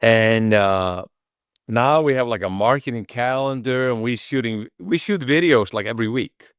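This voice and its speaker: An Icelandic chiropractic clinic owner answers interview questions as a guest, rambling casually in an Icelandic accent and often voicing quoted remarks. His voice is mid-range, smooth, and at a moderate pace. The studio-quality recording has no room sound.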